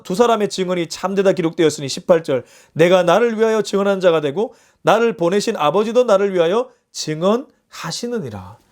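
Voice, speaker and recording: A man's voice: high voice, darkish tone. A male pastor giving a morning sermon, reading scripture verses and explaining them earnestly in plain, everyday terms. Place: church or small studio for an online morning service.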